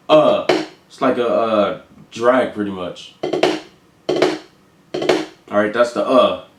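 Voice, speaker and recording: A man teaching drum rudiments, counting beats aloud in a casual, unhurried way with some fillers. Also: medium pitch, reverberant, background noise. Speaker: drum instructor.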